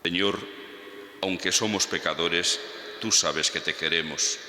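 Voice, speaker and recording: A priest, intoning Mass prayers slowly and solemnly, heard with a cathedral echo in a large church. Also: male voice, low-pitched, steady tone, sharp tone. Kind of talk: liturgical prayer.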